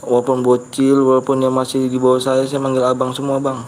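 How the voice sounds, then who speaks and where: A man's voice: mid-range voice, monotone, brisk, darkish tone, a little hiss or hum. Chatty Betawi-accented man streaming live. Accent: Betawi Jakarta. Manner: chatty, reads viewer comments aloud, lectures rude viewers on politeness. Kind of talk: casual live stream chat.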